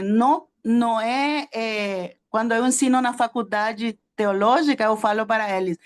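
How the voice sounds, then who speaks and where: Teaching a sermon to a small group, a preacher and theology teacher speaks in a fairly high pitch with the accent of a native Spanish speaker. She halts again and again with fillers and checks in to see that listeners are keeping pace.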